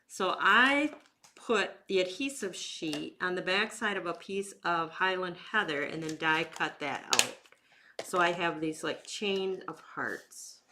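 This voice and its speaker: With a fairly low, bright and forceful voice, a woman who teaches crafts and hosts bingo nights gives a relaxed, step-by-step demonstration. She speaks informally and without hurry as she works with her hands. Slight background noise can be heard.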